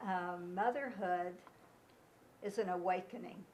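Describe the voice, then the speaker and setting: A woman interviewed as a mother, speaking in an unhurried, thoughtful way. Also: on the low side, a little mellow, a little hiss or hum. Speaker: mother interviewed about parenting. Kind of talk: documentary interview.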